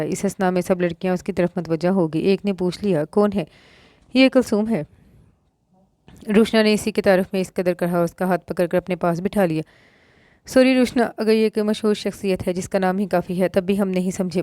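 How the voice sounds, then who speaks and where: A woman with a Pakistani Urdu accent reading a romance novel aloud, voicing every part in the same even voice. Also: lowish voice, dry recording, studio quality. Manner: reads all parts in one even voice, lifting slightly for quoted lines. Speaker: novel narrator.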